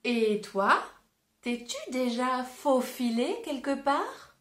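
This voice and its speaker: A woman's voice: high voice, sing-song, slow pace, a bit bright, roomy sound. A woman reading a picture book aloud to a child, patiently stopping to ask questions and play word games. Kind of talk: interactive read-aloud.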